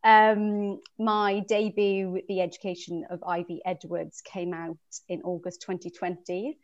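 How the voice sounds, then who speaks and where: A woman in her thirties from South Wales, a novelist with a stammer, speaking in a halting way with frequent fillers. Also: lowish voice, little pitch movement, lo-fi sound. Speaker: guest novelist. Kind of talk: casual conversation.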